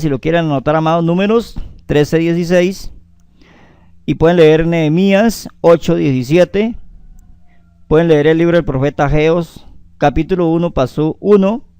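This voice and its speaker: A man's voice: on the high side, a little mellow, smooth, no room sound, clean studio sound. A man preaching a sermon on the weekly Torah portion, calling his listeners beloved, interjecting hallelujah often and citing chapter and verse at length.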